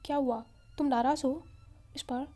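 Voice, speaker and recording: A woman voicing a calm, caring young female healer who speaks gently with a light teasing edge. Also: high-pitched, moderate pace, natural voice.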